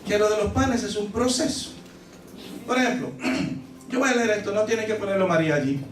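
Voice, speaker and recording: A man pastor preaching a sermon in a church, animated and theatrical, acting out scenes with loud cries. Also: high-pitched, normal speed, a little hiss or hum. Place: church service. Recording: echoey church from a distant mic, music behind.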